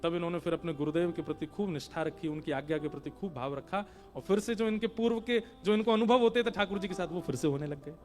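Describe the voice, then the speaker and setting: A man preaching a devotional sermon in an animated storytelling style, acting out the people in his story. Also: fairly high pitch, fast, soft background music. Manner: animated, breaking into song and acting out characters.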